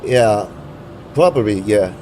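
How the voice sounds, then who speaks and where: A young Taiwanese man whose first language is Mandarin Chinese answers interview questions in English, halting often to search for words and restart. His voice is fairly low, animated, and warm. The recording is low quality, with slight background noise.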